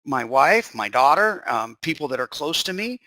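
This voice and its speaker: A man, presenting a sales webinar with an enthusiastic, salesy pitch and casual fillers. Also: very animated, moderate pace, sharp tone, dry recording. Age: 50s or 60s.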